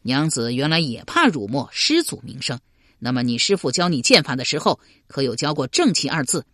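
A woman's voice: very deep voice, sing-song, a little fast, a bit bright, no room sound, studio quality, heavily acted. A woman voicing a naive, bookish male scholar who accuses earnestly in an audiobook. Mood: accusing.

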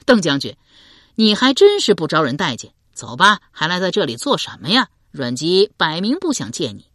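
A woman reading the part of a carefree male scholar and drinker, speaking loudly with a teasing, mocking edge. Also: lowish voice, very animated, moderate pace, no room sound, clean studio sound. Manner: teasing, loud and laughing.

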